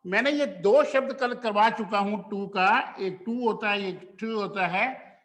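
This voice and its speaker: Man from India, teacher, slow deliberate speech, spells out example phrases, long reverb in a classroom. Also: high voice, a bit bright. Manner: slowly spells out example phrases, mixing Hindi and English. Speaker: English teacher. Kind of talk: classroom lesson. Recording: echoey room with long reverb.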